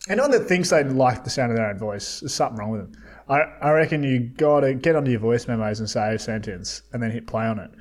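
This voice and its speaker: A man's voice: mid-range voice, expressive, quick pace. A man, a comedian guest on a casual podcast, blunt and joking. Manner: blunt, joking, mildly swearing.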